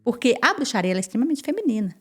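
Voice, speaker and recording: A woman guest on a podcast, telling her personal testimony in an animated way, repeating phrases and acting out what others said. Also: a little high, racing, husky. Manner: animated, repeats phrases and acts out quoted speech.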